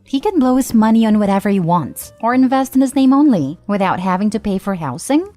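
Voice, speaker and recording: A woman giving a steady, even scripted narration of a forum post. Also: medium pitch, fairly quick, soft background music. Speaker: story narrator.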